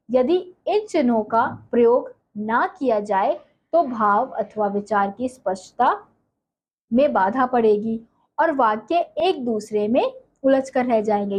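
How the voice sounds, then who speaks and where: A woman teaching a Hindi grammar class, explaining slowly, repeating points and asking the pupils questions that she then answers herself. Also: sits high, a little mellow, rough recording. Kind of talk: online class lesson.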